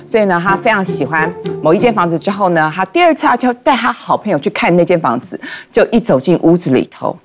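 A woman on a talk show telling a case story in lively detail, acting out the people she quotes. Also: on the low side, fast, few pauses. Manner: animated, acts out quoted dialogue. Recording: studio with background music.

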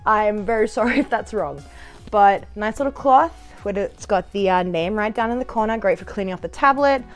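Soft background music accompanies a young woman's medium-pitched, moderately paced voice as she chats through an unboxing. Recorded in her living room, the product reviewer stays playful and bubbly, slipping in sing-song asides.

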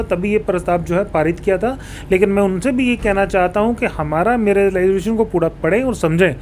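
Seated on a sofa in a small office, a local politician gives formal answers, explaining his points with some English terms mixed in. His voice is high and a little mellow. The recording uses a handheld reporter mic aimed at him and clearly picks up the room's background noise.

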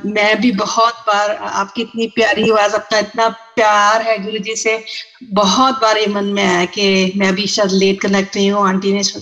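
A woman in a satsang video call thanking the host warmly and mixing English phrases into her speech. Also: medium pitch, highs cut off. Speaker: satsang member.

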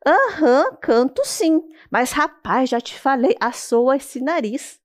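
A woman's voice: high-pitched, very animated, slow pace, full character voice. A Brazilian woman voicing a mocking, talkative female turtle in a storybook tale, with a Brazilian Portuguese accent. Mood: teasing. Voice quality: teasing, mocking. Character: cheeky talking singing female turtle.

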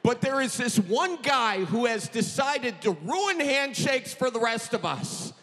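A man in his thirties with an Upper Midwestern accent, doing animated, folksy stand-up into a handheld mic on a theater stage. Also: very high-pitched, measured pace. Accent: Upper Midwestern American. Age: 30s. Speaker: stand-up comedian. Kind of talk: stand-up comedy. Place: large theater stage before an audience. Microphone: handheld microphone held close. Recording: reverberant theater, faint audience noise.

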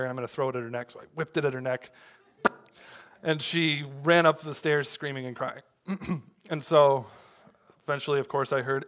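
Man, pastor, sermon, conversational, rambling, lots of fillers, mid-pitched voice. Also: a bit bright. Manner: conversational, loose, with many fillers and restarts. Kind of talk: sermon with a personal story.

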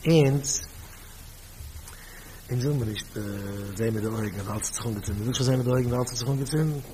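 Emphatic Yiddish-accented rabbi preaching. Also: male voice, medium pitch, normal speed, background noise. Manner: storytelling, repeats phrases, rises to emphatic bursts. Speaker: rabbi giving a talk.

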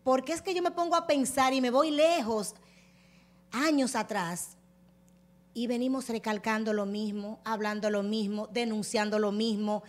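Emotional, high-voiced TV co-host woman. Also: fairly even intonation, moderate pace. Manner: emotional, exclaiming, sorrowful. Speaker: TV talk show co-host. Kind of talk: live TV panel discussion.

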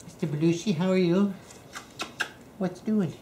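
Indoors at home by a puppy pen, a dog breeder films her puppies, cooing at them in sing-song baby talk and greeting each by name. Her fairly low voice has lively intonation and is a little slow and a little mellow. The casual home video sounds roomy, with faint background hiss.

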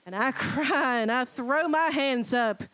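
High-pitched woman declaiming with mock passion. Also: unhurried, fairly bright tone, no echo. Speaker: GTA roleplay streamer in character. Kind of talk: dramatic read of song lyrics, in-character roleplay.

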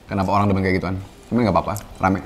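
Laid-back low-voiced young man. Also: flat delivery, very fast. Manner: laid-back, hesitant, many fillers. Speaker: streamer guest. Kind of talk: casual chat.

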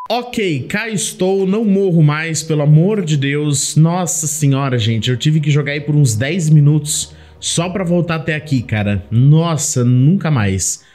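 A young man with a Brazilian Portuguese accent giving casual, chatty, excitable commentary while playing a video game, often talking to the character on screen. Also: fairly high pitch. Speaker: gameplay commentator. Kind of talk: casual let's play commentary.

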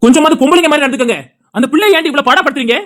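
A woman's voice: sits high, racing, a bit bright, faint music behind. Woman voicing a furious scolding husband. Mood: contemptuous. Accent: Tirunelveli Tamil. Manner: scolding, insulting, heated. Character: angry loyal husband defending his brother. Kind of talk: cartoon dialogue acting.

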